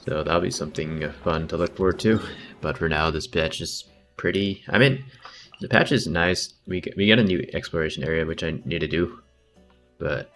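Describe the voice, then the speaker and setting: A deep-voiced game streamer, his tone a bit bright, talks in a relaxed, slangy manner and mutters asides. Video game music plays in the background of his livestream.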